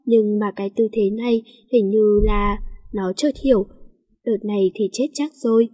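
A woman reading a story aloud in a steady, even way as storyteller. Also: medium pitch, normal speed, slightly rough. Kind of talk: scripted story narration.

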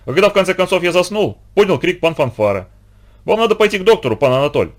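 A man's voice: sits high, animated, fast talker, voice pushed up. A man voicing a cocky, mocking young male athlete. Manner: mocking, dismissive. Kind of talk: audiobook character voice.

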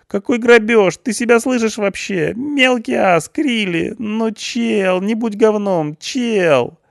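A man's voice: high voice, slow, creaky, no room sound, studio quality, pitched above the performer's own voice, full character voice. A man voicing a panicky eighteen-year-old punk boy behind bars, whining and pleading in slang. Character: panicky whiny teenage punk boy in jail.

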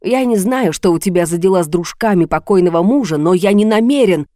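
A woman's voice: fairly low pitch, lively intonation, brisk, dark tone, no echo, clean studio sound, close to an everyday voice. A woman reading as an angry jealous young man. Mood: accusing. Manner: harsh, accusing. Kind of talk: audiobook reading.

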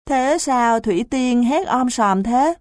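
A woman's voice: a little high, takes it slowly, a little mellow, no room sound, clean studio sound, voice pushed up. A woman voicing an impatient schoolgirl pressing her friend with questions.

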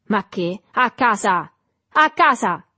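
A woman reading a novel aloud, voicing a loud, jovial, red-faced man who shouts and repeats himself. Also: fairly low pitch, moderate pace, slightly rough, no echo. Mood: shouting.

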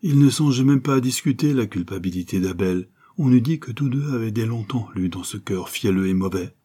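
A man narrating a nineteenth-century novel aloud in a dramatic, measured reading. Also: fairly low pitch, expressive, dark tone, breathy edge. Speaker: audiobook narrator. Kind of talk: literary narration.

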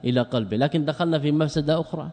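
A man teaching Arabic grammar in a classroom lecture, asking rhetorical questions, answering them himself, and slowing down to spell out word forms. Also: fairly high pitch, mellow, big-room sound.

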